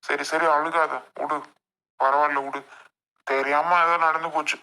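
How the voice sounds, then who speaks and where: A woman's voice: sits low, little pitch movement, a little slow, pushed and bright, heavily acted. A performer voicing an impatient, exasperated young husband and son who bickers with his family in a comedy sketch.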